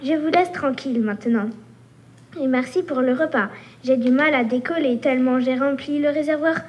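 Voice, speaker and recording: A woman's voice: high-pitched, normal speed, lightly acted. A woman reading as a cheeky taunting mosquito. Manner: taunting, playful, buzzing sounds. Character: cheeky teasing female mosquito, small. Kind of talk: reading a story aloud at a workshop.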